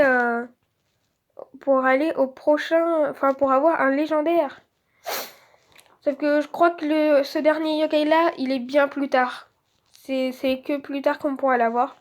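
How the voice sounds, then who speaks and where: A woman's voice: high-pitched, steady tone, a little slow. A woman giving casual let's-play commentary, chatty and thinking aloud with lots of filler words.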